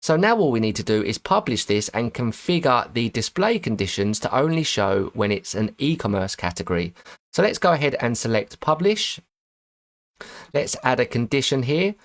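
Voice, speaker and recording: A man's voice: mid-range voice, sing-song, normal speed. A man teaching a web design tutorial over a screen recording, going step by step and correcting himself as he works. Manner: methodical step-by-step, self-correcting.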